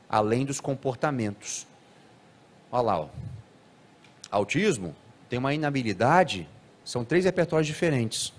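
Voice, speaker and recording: An animated man lectures a live audience. His voice sits in the middle range, and he often jumps higher to act out how children talk. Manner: animated, acts out children's speech in a raised voice.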